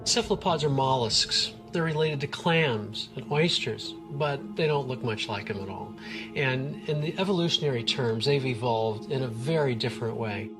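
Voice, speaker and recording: A man's voice: mid-range voice, moderate pace, over music. A man speaking as a scientist in a documentary, explaining in an enthusiastic, marveling way without a script. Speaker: marine biologist, interview subject.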